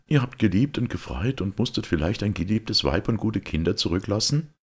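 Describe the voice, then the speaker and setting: A man's voice: on the low side, expressive, a little fast, husky, pitched above the performer's own voice. A man voicing an eager, courteous young knight in an audiobook, speaking in a raised, earnest tone. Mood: sympathetic. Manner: raised, ringing, earnest delivery. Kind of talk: audiobook character voice.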